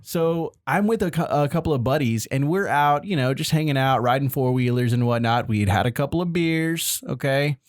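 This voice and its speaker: A man's voice: mid-range voice, fairly quick, hardly any pauses, no room sound, clean studio sound. Laid-back man telling a story. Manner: animated storyteller, laughs while telling. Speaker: podcast co-host. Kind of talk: casual chat, storytelling.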